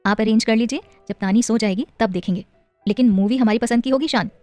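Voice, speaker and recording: Audio story role: a loving, teasing young mother, as the woman narrator voices her, high-pitched, close and dry. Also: fast talker, mellow, no echo, faint music behind, natural voice. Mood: tender. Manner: teasing, affectionate scolding. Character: young wife and mother, firm but loving.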